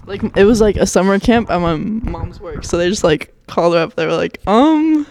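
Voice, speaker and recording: A teenage girl in casual podcast chat, laid-back and halting, full of fillers. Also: on the low side, a little mellow. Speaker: podcast co-host.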